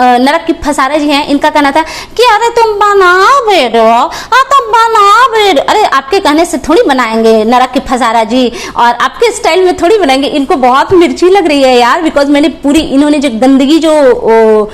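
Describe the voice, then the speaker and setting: A young woman from Bihar with a high-pitched voice roasts other creators in a reaction video. She talks confrontationally, mocking and scolding as she goes. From Bihar, India.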